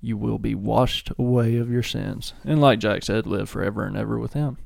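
A man's voice: lowish voice, steady tone, normal speed, vocal fry, darkish tone, no echo, clean studio sound. A young man co-hosting a podcast, earnestly talking through a verse and what it means. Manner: earnest, reflective when explaining a verse. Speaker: podcast co-host. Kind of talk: casual chat with friends.

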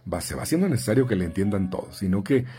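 A man's voice: sing-song, racing, dark tone. A man with a Mexican Spanish accent, a speech therapist giving parents conversational advice in numbered tips, with many fillers and restarts. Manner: conversational, frequent fillers and repeats; acts out quoted parents and children in higher voices.

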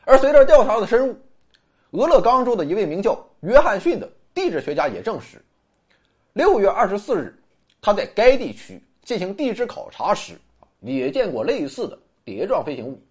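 A narrator delivering a scripted documentary in a dramatic, suspenseful true crime storytelling manner, with a husky voice. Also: mid-range voice, big pitch swings, normal speed, darkish tone.

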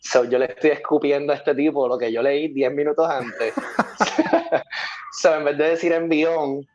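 A man's voice: a little high, steady tone, moderate pace, darkish tone, lo-fi sound, slight background noise. A man, a weightlifting athlete telling stories in a casual interview, acting out the voices of the people he quotes and laughing often.

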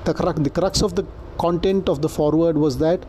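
A man's voice: fairly high pitch, fairly even intonation, normal speed, dark tone, a little hiss or hum. A man from South India with an Indian accent, hosting a humorous, rambling podcast and slipping Hindi phrases into his English in a mock-earnest way. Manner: tongue-in-cheek, mock-earnest. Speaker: podcast host.

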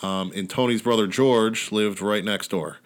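A man's voice: on the low side, steady tone, a little slow, clear, resonant tone. A man hosting a podcast, casually retelling a story in a wry, laid-back way with casual swearing. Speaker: podcast host. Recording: outdoor neighborhood ambience behind.

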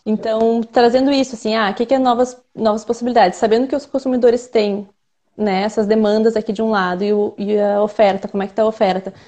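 Talking fast in a slightly high, steady, warm voice, a young Brazilian woman describes her work as a researcher and translator during a relaxed interview. She's thoughtful and long-winded, with plenty of fillers, and her accent is Brazilian Portuguese.

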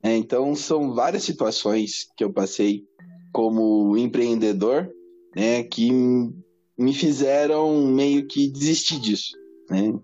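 A man's voice: mid-range voice, slow pace, dark tone, highs cut off, soft background music. A man and former pharmacy owner, talking reflectively in a casual podcast chat, hesitant with fillers.

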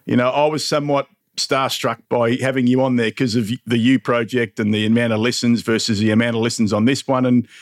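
A middle-aged man hosting a podcast, chatting in a relaxed, mate-to-mate way. His voice sits at an ordinary middle pitch, and the sound is dry and close to the mic. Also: fairly quick, few pauses, dry recording. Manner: laid-back, chummy, with fillers and laughs. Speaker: podcast host. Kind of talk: casual podcast chat.

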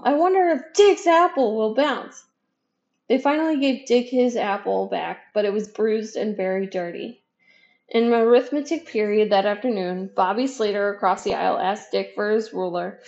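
A woman reading a children's story aloud with expressive, animated delivery. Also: mid-range voice. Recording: dull lo-fi recording.

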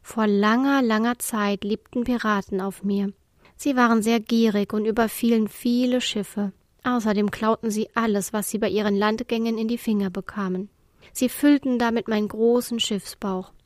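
A woman reading a lonely female ship spirit, wistful, soft, storybook, fairly high voice. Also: fairly even intonation, moderate pace, no room sound, studio quality, natural voice.

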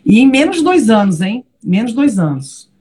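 A woman's voice: on the high side, normal speed, slightly rough. A Brazilian woman in her fifties with a Brazilian Portuguese accent, chatting animatedly as a guest on a live talk. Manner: chatty, animated, laughs easily. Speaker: guest, low-carb advisor. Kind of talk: casual live chat.

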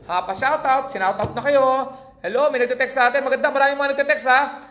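High, bright-voiced joking male streamer. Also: steady tone, fast, echoey room, slight background noise. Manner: jokey, laughs loudly at his own jokes. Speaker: livestream host. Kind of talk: casual livestream chat reading comments.

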